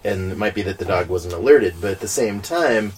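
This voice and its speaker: A man's voice: lowish voice, a little fast, noisy background. A man in casual chat, telling a story with lots of laughter and acted-out dialogue. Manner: animated, laughs while telling stories, acts out quoted exchanges.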